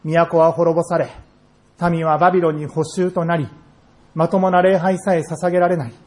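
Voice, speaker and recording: A male pastor delivers a sermon in an earnest, measured way. His voice sits a little high for a man, and he leans into slow, emphatic phrases. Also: steady tone, a little mellow. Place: church sanctuary.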